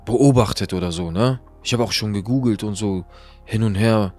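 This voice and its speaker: A man's voice: lowish voice, moderate pace, darkish tone, faint music behind, close to an everyday voice. A man voicing his nervous young male friend, who talks in a hesitant, pleading way full of fillers. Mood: anxious.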